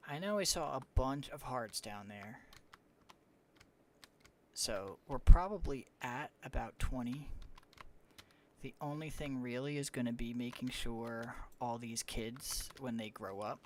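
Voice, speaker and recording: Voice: mid-range voice, measured pace, a little hiss or hum. A streamer chatting casually while playing a game live, cooing at animals and sometimes dropping to a whisper. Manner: drops into a hushed whisper at times. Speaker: livestreamer. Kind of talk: casual gameplay livestream chat. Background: faint keyboard and mouse clicks.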